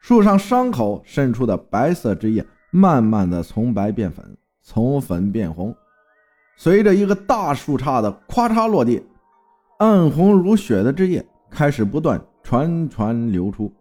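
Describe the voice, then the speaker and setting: A man's voice: medium pitch, big pitch swings, a little slow, warm tone, faint music behind. A man from Fujian narrating a folk tale in a dramatic storytelling manner. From Fujian, China.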